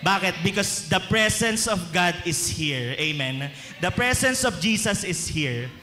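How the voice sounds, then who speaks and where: A man's voice: sits high, expressive, unhurried, sharp tone, soft background music. A man with a Filipino accent, preaching a sermon and often asking the congregation questions. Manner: mixes Tagalog and English, asks the congregation questions. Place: church hall. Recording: echoey hall with long reverb.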